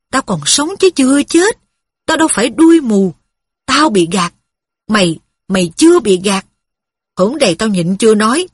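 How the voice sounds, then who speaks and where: A woman voicing a bitter, quick-tempered widow who speaks in a scolding, resentful way. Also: a little high, fairly bright tone, no echo, clean studio sound.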